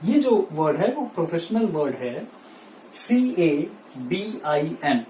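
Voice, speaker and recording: A man with an Indian accent teaching English pronunciation in a classroom, mixing Hindi and English, saying each word slowly and asking listeners to repeat it. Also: sits high, big pitch swings, dark tone. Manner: drills words slowly, asks listeners to repeat. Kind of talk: classroom lesson at a board. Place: classroom with a board. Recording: echoey room, faint noise.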